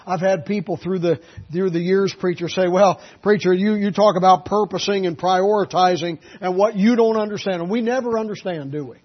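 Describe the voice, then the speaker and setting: Husky high-voiced man preaching. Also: a little fast, highs cut off. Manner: folksy storytelling, swings from quiet asides to loud emphatic peaks. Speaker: Baptist pastor. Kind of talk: sermon.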